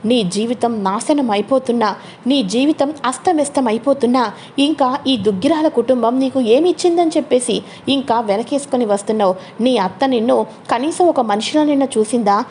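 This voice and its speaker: A woman's voice: fairly high pitch, normal speed, a little mellow, slight background noise, lightly acted. A woman voicing a stern, angry father of the family, pressing indignant questions in a spoken soap-opera retelling.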